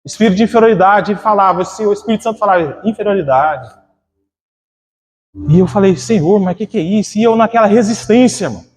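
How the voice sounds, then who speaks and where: A man's voice: high voice, racing, few pauses. A man preaching a fervent sermon, telling a personal testimony and often calling the listeners brother. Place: church. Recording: reverberant church hall with faint music.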